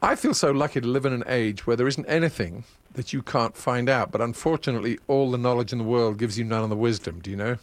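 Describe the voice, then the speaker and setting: A man's voice: mid-range voice, quick pace, hardly any pauses, no room sound. A man hosting a casual radio chat, talking in a chatty, digressive way and laughing at his own asides. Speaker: radio host.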